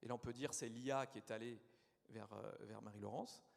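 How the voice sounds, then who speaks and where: A man speaking on a round-table panel, explaining in a halting, hesitant way. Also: lowish voice, steady tone, vocal fry. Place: conference hall. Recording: conference hall reverb.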